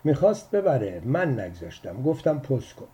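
A man's voice: medium pitch, big pitch swings, warm tone, natural voice. A man voicing the protagonist's wife, firm and matter-of-fact, in an audiobook story.

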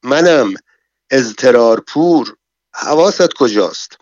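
A man's voice: mid-range voice, animated, darkish tone, no room sound, voice pushed up, natural voice. A man voicing a frightened, emotional male bank clerk who pleads in an agitated voice. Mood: pleading. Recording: dull, dry, lo-fi recording.

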